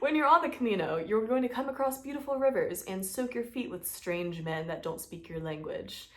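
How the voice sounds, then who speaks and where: A woman's voice: mid-range voice, expressive, brisk. Young woman, casual phone vlogger, chatty and playful, big-sister advice tone. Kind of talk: casual chat to camera. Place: at home indoors.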